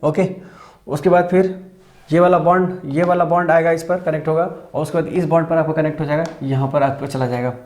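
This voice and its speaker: A man's voice: a little high, steady tone, darkish tone, reverberant. A man from India teaching chemistry in a recorded lecture, explaining step by step and asking and answering his own questions while writing at the board. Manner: slows down and spells out formulas while writing.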